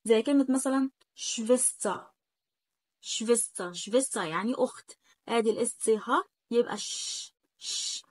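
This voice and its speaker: A woman with an Egyptian Arabic accent teaching a German lesson in a chatty way, slowly repeating each word and checking "okay?" after every point. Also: on the high side, no echo. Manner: drills words slowly, repeating them again and again. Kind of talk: casual spoken lesson.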